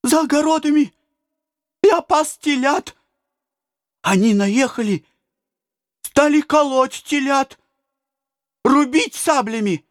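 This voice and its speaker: Storybook role: a man doing a bloodied boy of twelve, very high, panicked, trembling. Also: takes it slowly, pauses often, dry recording, clean studio sound. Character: terrified peasant boy, about twelve, bloodied.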